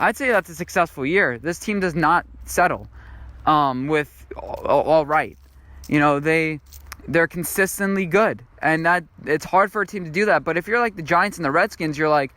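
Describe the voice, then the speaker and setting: A young man hosts his own sports video, talking through football opinions off the cuff. His voice sits a little high and comes across smooth and clear. He wanders and restarts as he thinks aloud. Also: a bit bright, no room sound. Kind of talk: unscripted football commentary monologue.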